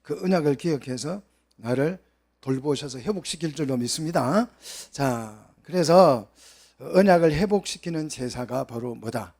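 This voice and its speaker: A man preaching a Bible exposition sermon, questioning the congregation and swinging between soft asides and loud, emphatic peaks. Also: fairly high pitch, expressive, normal speed. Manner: asks the congregation questions and acts out quoted voices.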